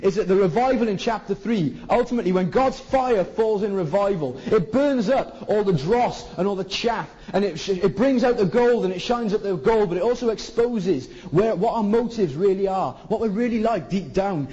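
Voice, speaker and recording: A man's voice: sits high, warm tone, slightly rough, dull audio. A man with a Welsh Valleys accent preaching a colloquial sermon, putting rhetorical questions to his listeners. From South Wales valleys.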